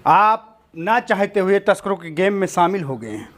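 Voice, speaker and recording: Male, high register, smug boss giving a sham-polite speech in a comedy sketch. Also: sing-song, normal speed, a bit bright. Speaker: gang boss. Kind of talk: comic sketch acting.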